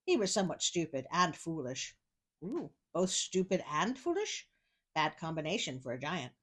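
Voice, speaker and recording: A woman's voice: sits low, very animated, normal speed, a bit bright, husky. A woman reading fairy tales aloud and breaking off often with sarcastic, wry comments. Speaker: storyteller.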